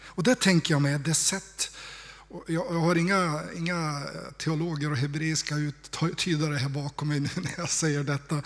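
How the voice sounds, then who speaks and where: Male preacher, slightly higher voice, husky, conversational sermon delivery. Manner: conversational, reflective, dropping to hushed tones for emphasis.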